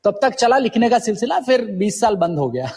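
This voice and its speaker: A middle-aged man from India speaks briskly in a high-pitched, sing-song voice that is slightly rough with a darkish tone. Appearing as an interview guest, he reminisces and tells stories in Hindi laced with English words.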